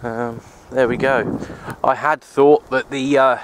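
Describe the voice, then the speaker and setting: Resigned and subdued, this man takes his time in a steady tone, going over the same points more than once. He's an outdoor radio hobbyist narrating a loose vlog on an open wooded hilltop, recorded on the built-in mic of the handheld camera he's holding, with wind and background noise around him.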